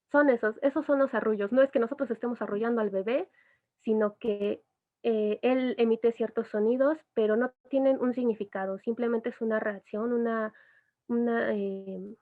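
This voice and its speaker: Woman psychologist, fairly high voice, patient explainer, thin phone-line audio. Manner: patient, explains with asides and imitated baby sounds. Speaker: educational psychologist. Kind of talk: explanatory online talk.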